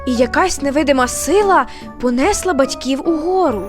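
A woman narrating an audio fairy tale in a gentle storytelling manner. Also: high-pitched, moderate pace, music in the background.

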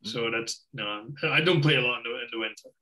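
A man's voice: medium pitch, brisk, bright, forceful tone, rough recording. A Scottish man in his thirties hosting a casual video-call chat from a home office, rambling with lots of fillers. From Scotland. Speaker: guest host.

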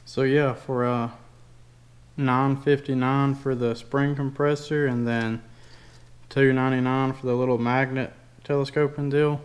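Walking through a garage how-to step by step, a male DIY mechanic demonstrates a tool in plain, informal, folksy words. His tone is level with very little pitch movement, and he keeps a measured pace in the indoor workshop.

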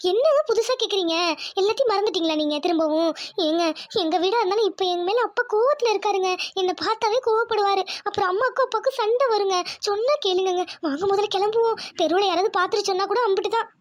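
A woman's voice: very high voice, fast. A woman voicing a frightened young village wife in a cartoon. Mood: pleading. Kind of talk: cartoon voice acting.

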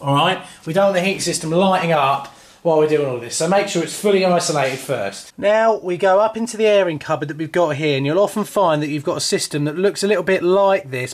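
A man in his thirties with a British accent, a plumber walking through a repair job at home in a chatty, jokey way. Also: fairly high pitch. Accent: British English. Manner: chatty and jokey, cheeky asides. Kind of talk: hands-on plumbing tutorial. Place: inside a house, airing cupboard and rooms. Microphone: wide-angle camera held close or set on floor.

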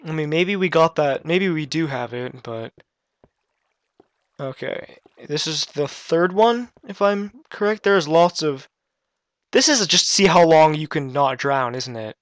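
Higher-voiced young man, offhand and dry. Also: expressive, a little slow, dry recording. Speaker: gameplay commentator. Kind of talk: casual let's-play chat.

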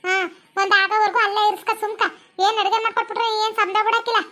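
A woman's voice: very high-pitched, flat delivery, quick pace, bright, forceful tone. A woman playing a bossy village woman who insists on her advice, in a village family drama. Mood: insistent.

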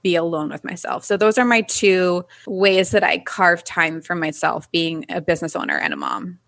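A woman's voice: fairly low pitch, fairly even intonation, normal speed, gravelly, a bit bright, no echo. A woman who is a wedding photographer and business owner, talking as a podcast guest in a chatty, upbeat way and laughing at herself. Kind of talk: conversational interview.

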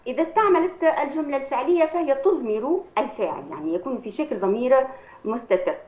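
A woman, an Arabic language professor, explains in a measured academic way and often pauses on hesitation sounds. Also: high voice, animated, a little mellow. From Tunisia. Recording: echoey, dull lo-fi sound.

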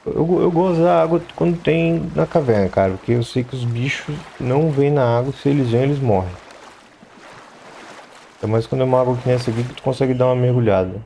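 A man chatting to himself while playing a game, shouting in the fights. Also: mid-range voice, brisk, vocal fry, slight background noise. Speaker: gameplay commentator. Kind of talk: let's play commentary.

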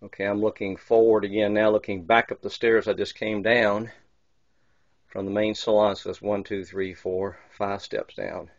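Speaking at a moderate pace in a fairly low, level voice, a man films and narrates a casual walk-through of a yacht's small wood-paneled cabins as a boat-tour guide, rambling with fillers and restarts. No echo is heard. His handheld camera mic yields dull lo-fi camcorder sound.

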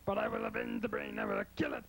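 A man's voice: high-pitched, huge pitch swings, fast, vocal fry, fairly bright tone, full character voice. A man playing a vengeful, bumbling alien in an amateur sci-fi B-movie spoof, with clumsy, offhand threats. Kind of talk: amateur 1950s sci-fi parody acting. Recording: noisy amateur videotape with hum.

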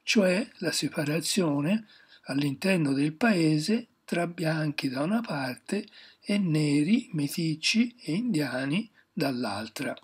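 Man from Italy, husky voice, slow and measured scripted travel narration. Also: on the high side, expressive. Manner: measured, informative reading.

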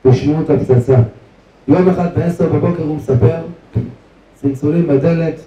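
Dark-voiced rabbi telling a dramatic story. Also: male voice, a little high, fairly even intonation. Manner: addresses the audience directly, builds suspense. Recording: echoey, distant, dull lo-fi hall recording.

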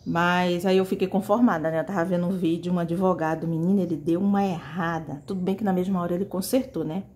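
A woman's voice: fairly low pitch, steady tone, quick pace, dark tone. A woman leads a casual fabric painting lesson with her hands busy at the brush. She chats directly to her viewers in an easy, talkative way. The mic sits close to her voice. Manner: chatty, talks directly to viewers. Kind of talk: casual tutorial.

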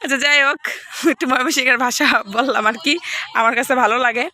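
A woman's voice: high-pitched, fairly even intonation, fairly quick, bright, forceful tone. A woman from Bangladesh chatting as she walks outdoors past rice fields and calls out to the children in her group. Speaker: family vlogger. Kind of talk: casual walking vlog narration. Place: outdoors among rice fields at a research farm.

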